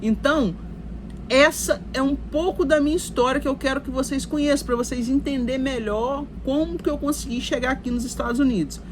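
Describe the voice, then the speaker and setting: Chatty Brazilian woman with a high voice. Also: brisk, noisy background. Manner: chatty, with frequent fillers and asides to viewers. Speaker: vlogger telling her life story. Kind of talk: casual storytelling monologue. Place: recording while in Canada.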